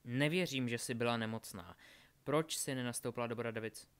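A man's voice: medium pitch, fairly bright tone, clear, resonant tone, lightly acted. A man reading an audiobook, voicing a suspicious teenage boy wizard in a tense, accusing manner. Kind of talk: audiobook character voice.

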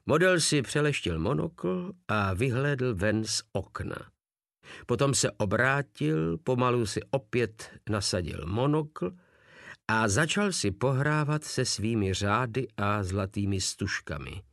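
A man narrating an audiobook in an expressive storytelling manner. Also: mid-range voice, creaky, no room sound, clean studio sound. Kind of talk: audiobook reading.

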